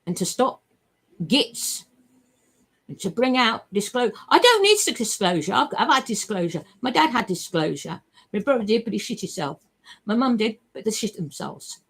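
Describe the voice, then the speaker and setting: A woman's voice: a little high, big pitch swings, normal speed, a bit bright, slightly rough. A woman in a rambling, emotional personal monologue, swearing freely as she talks.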